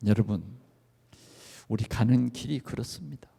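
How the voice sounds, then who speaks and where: A male pastor with a gravelly, husky, mid-range voice preaches a sermon in a church sanctuary at normal speed. He is animated and often asks the congregation questions, and the hall sounds echoey.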